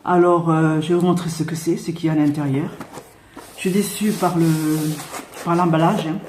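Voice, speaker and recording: A woman's voice: low voice, fairly even intonation, echoey room, slight background noise. Hesitant woman unboxing. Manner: hesitant, many filler pauses; speaks a little loud on purpose. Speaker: unboxing vlogger. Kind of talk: casual product unboxing.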